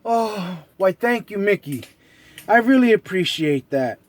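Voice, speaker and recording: A man's voice: sits high, lively intonation, measured pace. A man voicing a kindly old Santa Claus in a children's storybook, speaking in a hearty, emphatic way. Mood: grateful.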